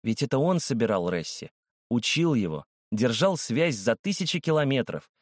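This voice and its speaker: A man's voice: medium pitch, big pitch swings, normal speed, no echo, studio quality. A man narrating a children's storybook aloud, doing all the character voices.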